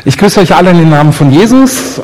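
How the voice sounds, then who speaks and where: Church interpreter, echoing hall. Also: male voice, sits high, animated, a little mellow, a little hiss or hum. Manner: quick rephrasing, some hesitation. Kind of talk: live sermon interpreting. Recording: long church hall reverb.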